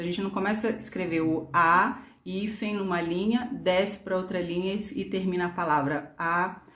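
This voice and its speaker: A woman's voice: lowish voice, a bit bright. A woman teacher with a Brasília Portuguese accent, patiently explaining grammar and spelling words out letter by letter. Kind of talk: online grammar lesson. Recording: echoey room.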